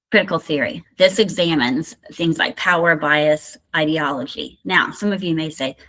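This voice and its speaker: Lower-voiced Southern American woman lecturing. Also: a bit bright. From Indiana. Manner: conversational, many fillers and asides. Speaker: university instructor. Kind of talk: recorded lecture.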